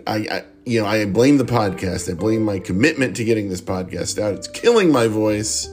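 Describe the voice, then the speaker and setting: Music plays faintly behind a middle-aged man wrapping up his podcast at normal speed, his fairly low voice lively in intonation. Losing his voice, he mocks himself, cracks jokes and laughs often through a rambling, casual farewell.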